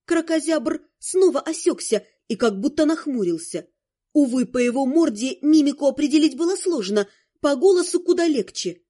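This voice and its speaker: Female audiobook narrator, high, mellow tone, expressive first-person read. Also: normal speed. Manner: expressive, animated reading.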